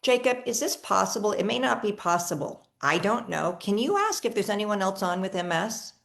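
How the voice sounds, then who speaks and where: A woman's voice: medium pitch, big pitch swings, moderate pace, vocal fry, a bit bright. A woman leading a live online energy healing session on a video call. She talks in a chatty, enthusiastic way and often repeats and restarts her words. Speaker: energy healer.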